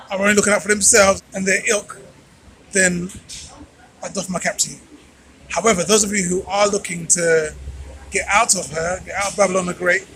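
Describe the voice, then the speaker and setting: Out on a street at night, a vlogger and channel host gives his viewers an informal motivational monologue. His high-pitched, slightly bright voice comes through poor audio with slight background noise. He speaks emphatically like a preacher, repeating phrases for effect.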